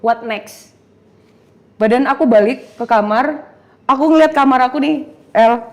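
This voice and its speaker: Animated young woman telling her testimony. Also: sits high, measured pace, dull audio. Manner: animated storytelling, acting out dialogue, mixing in English phrases. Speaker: guest giving a testimony. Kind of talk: emotional testimony interview.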